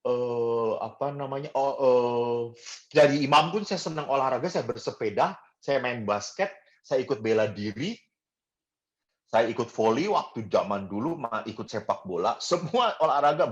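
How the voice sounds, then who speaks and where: A man's voice: mid-range voice, expressive, measured pace, lo-fi sound. Man preaching with easygoing humor. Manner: humorous, anecdotal storytelling with hesitant fillers. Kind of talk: sermon.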